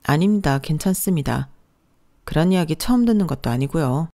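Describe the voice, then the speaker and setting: A touchy young husband, quick to take offense, with a clipped and bitter way of talking, as a storyteller reads him. A storybook figure with a short fuse. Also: male voice, a little high, animated, dark tone. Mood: polite.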